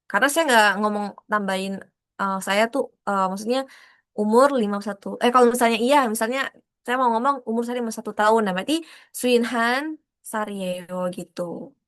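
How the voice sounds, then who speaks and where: A woman explaining a lesson in an online class over a video call, repeating examples and filling pauses as she goes. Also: on the high side, a bit bright, dry recording. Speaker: Korean language teacher.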